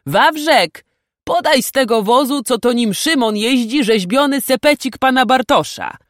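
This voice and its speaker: A woman voicing a gruff, weary old male knight who talks firmly in old-fashioned speech. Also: sits low, big pitch swings, slow pace, dry recording, studio quality, full character voice. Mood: stern. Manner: firm, archaic speech.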